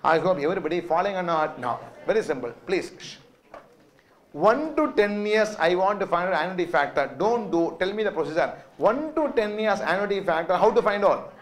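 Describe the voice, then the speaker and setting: A man with a high-pitched voice and a South Indian Tamil accent teaches a class. He goes step by step, repeating key phrases emphatically. He keeps throwing short checking questions at his students. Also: lively intonation, fairly quick. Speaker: finance teacher.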